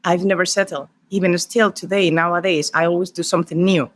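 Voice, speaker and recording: A middle-aged woman with a Spanish accent talks as a podcast guest. She tells her stories warmly and lays out her points one by one. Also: fairly low pitch, fairly even intonation, a little fast. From Spain. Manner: warm storytelling, counts off her points. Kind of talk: podcast interview.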